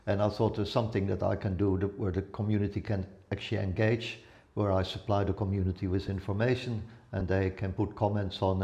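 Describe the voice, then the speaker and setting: A man in his seventies, from the Netherlands, chatting as an interview guest in a relaxed, rambling way with many pauses. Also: on the low side, creaky. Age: 70s. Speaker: guest, retired photographer and blogger. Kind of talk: casual interview chat.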